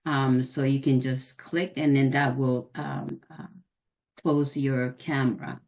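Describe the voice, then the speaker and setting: Woman, low voice, slow and halting, explaining video call buttons to a group. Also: gravelly, a little mellow. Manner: halting, many ums and restarts. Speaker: workshop facilitator. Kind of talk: giving a Zoom tutorial.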